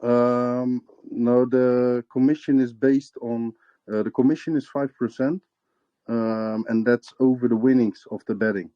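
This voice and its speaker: A man's voice: medium pitch, fairly even intonation, measured pace, mellow, no echo, muffled recording. A man representing a crypto project, answering interview questions hesitantly with many fillers and restarts.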